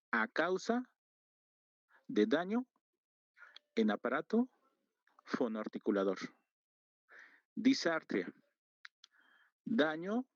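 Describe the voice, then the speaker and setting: A man lectures his students at an unhurried pace, spelling out each term and pausing to check that they follow. His pitch sweeps up and down as he stresses words. The recording is dry and a little muffled. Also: no echo. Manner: slow, deliberate, repeating key terms. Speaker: teacher. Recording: slightly dull, dry lo-fi recording.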